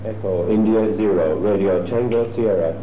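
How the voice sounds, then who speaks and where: A deep-voiced man reads out call signs slowly and again and again. He comes through a fading shortwave radio that is thin and phone-like, with static hissing underneath and a hollow echo. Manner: slow, repeating call signs. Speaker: amateur radio operator.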